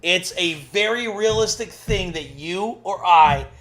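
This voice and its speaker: A man's voice: sits high, a little slow, a bit bright. A man in his thirties co-hosting a podcast in casual banter, rambling emphatically, repeating himself and swearing freely. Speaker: podcast co-host.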